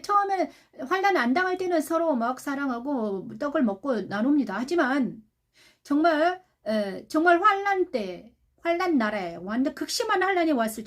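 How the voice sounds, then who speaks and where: A woman pastor preaching a sermon, repeating phrases, asking rhetorical questions and moving between soft and loud delivery. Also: high voice.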